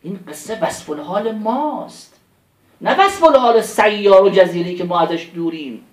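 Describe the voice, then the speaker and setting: A man's voice: high-pitched, animated. Impassioned male preacher in an echoey room. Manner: impassioned, pleading rhetorical questions; recites verses in Arabic. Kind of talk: religious sermon. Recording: roomy echo.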